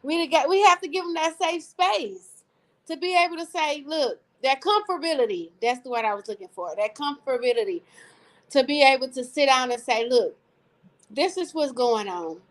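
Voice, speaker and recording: A woman's voice: high-pitched, lively intonation, brisk, low-quality recording. A woman co-hosting a live online talk show, speaking earnestly and repeating phrases for emphasis. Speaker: co-host. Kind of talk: casual live-stream talk.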